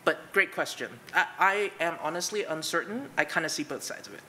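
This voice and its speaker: A woman's voice: sits low, animated, a little fast, sharp tone, slight background noise. A woman speaker answering audience questions at a conference, thoughtful and hedging with fillers.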